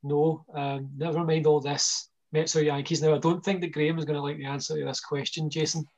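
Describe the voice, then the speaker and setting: Casual higher-voiced man asking questions. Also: flat delivery, fairly quick, a little mellow, lo-fi sound. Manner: casual, leading questions with fillers. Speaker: podcast host, interviewer.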